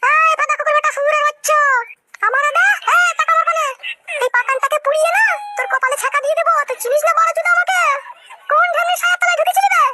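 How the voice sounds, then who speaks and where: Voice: extremely high pitch, level tone, rapid-fire, sharp tone, no echo, clean studio sound, pitched above the performer's own voice, heavily acted. A performer voicing a brawling middle-aged cartoon mother-in-law who screams insults. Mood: abusive. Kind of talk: comic cartoon dubbing.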